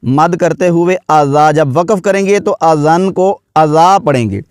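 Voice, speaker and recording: Clear-voiced man teaching Quran recitation. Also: a little high, dry recording, studio quality. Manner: explains patiently, then recites verses slowly in a drawn-out chant. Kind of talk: tajweed lesson with chanted recitation.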